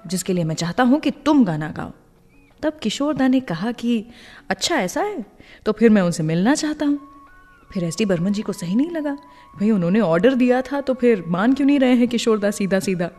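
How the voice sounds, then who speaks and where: A woman hosts a radio show, telling scripted stories between songs in a conversational way and putting questions to listeners, with music in the background. Her medium-pitched voice is expressive and somewhat dark, moderately paced, with a long reverb tail.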